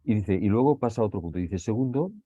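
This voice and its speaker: Man, teacher, explaining a text in class, low voice, dull dry recording, keeps asking if students follow. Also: animated, fast, mellow, breathy edge, no room sound. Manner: checks understanding with frequent tag questions.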